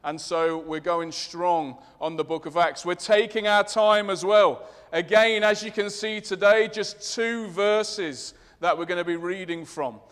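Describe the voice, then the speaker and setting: A man with a Leicester accent delivers a sermon in a large, reverberant hall. His voice sits high for a man and comes across crisp and clean. He explains things in measured, short phrases. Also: a bit bright. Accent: English East Midlands, Leicester. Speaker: preacher. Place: large reverberant room, preaching to a congregation. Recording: long reverberant hall sound.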